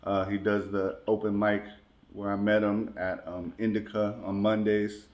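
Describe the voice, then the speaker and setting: Low-voiced male host, echoey room. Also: little pitch movement, measured pace, highs cut off. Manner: easygoing, short replies, brief "right" and "mm-hmm" backchannels. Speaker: podcast host. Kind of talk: casual interview hosting. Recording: roomy echo with faint noise.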